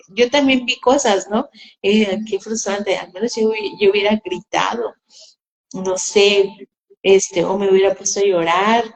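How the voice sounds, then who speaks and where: A woman telling personal stories in a casual live conversation, acting out quoted dialogue. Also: mid-range voice. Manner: animated storytelling, acts out quoted dialogue. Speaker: host. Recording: echoey room.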